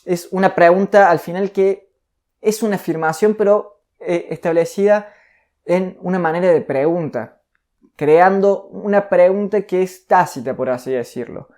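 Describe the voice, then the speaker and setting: In a recorded online communication course, a man with a darkish tone delivers his lesson deliberately. To demonstrate what he means, he varies his pace, faster and slower, and moves his pitch higher and lower.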